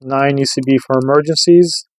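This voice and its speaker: Speaking at a moderate pace with fairly even intonation, a man with a mid-range voice hosts a radio gear review channel. His hands-on review is casual and loosely explanatory, full of informal rhetorical check-ins with the listener. Slight background noise can be heard.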